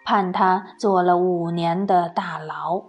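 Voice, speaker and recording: A woman narrating a children's story in an expressive, storytelling way. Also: lowish voice, slow pace, soft background music.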